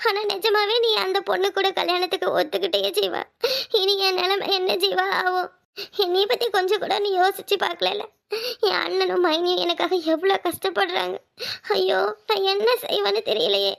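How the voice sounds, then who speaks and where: A performer voicing a despairing young woman in a family drama, talking slowly and hopelessly. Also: extremely high pitch, vocal fry, fairly bright tone, exaggerated voice. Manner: tearful, slow, hopeless. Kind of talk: Tamil family drama voiceover.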